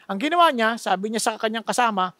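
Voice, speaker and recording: Filipino pastor, high voice, emphatic sermon delivery, rhetorical questions, dry close sound. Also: male voice, lively intonation, quick pace, bright, forceful tone, dry recording. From Philippines. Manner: mixes Tagalog with English phrases.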